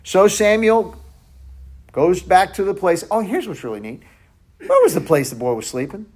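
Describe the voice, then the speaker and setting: A man leading a Bible study in a loose conversational way, often restarting and correcting himself, sometimes dropping his voice to a near hush. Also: high voice, big pitch swings, moderate pace.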